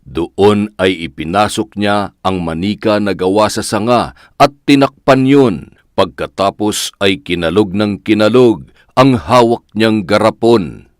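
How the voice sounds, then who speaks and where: Male narrator for a horror story, deepish, measured and dramatic, dry close mic. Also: dry recording.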